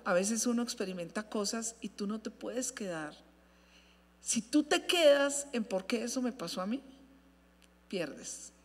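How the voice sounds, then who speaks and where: A woman pastor preaching a sermon, stretching key phrases for emphasis and correcting herself often. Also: fairly high pitch. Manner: expressive preaching, drawn-out emphatic phrases, frequent self-corrections. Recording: long hall reverb.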